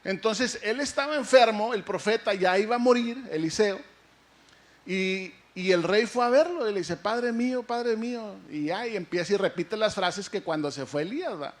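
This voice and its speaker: A male pastor preaching a lively sermon, asking the congregation questions and acting out the story. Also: high voice, normal speed.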